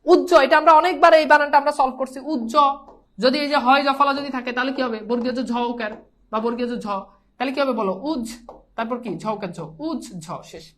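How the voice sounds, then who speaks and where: Woman, high voice, teacher, repetitive quizzing, pronunciation lesson. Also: steady tone, fast talker, fairly bright tone. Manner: drills by repeating words, quizzing students.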